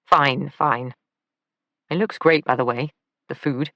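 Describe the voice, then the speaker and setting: A woman's voice: very deep voice, steady tone, takes it slowly, fairly bright tone, no room sound, exaggerated voice. A woman voicing a mild, apologetic young man in an audiobook.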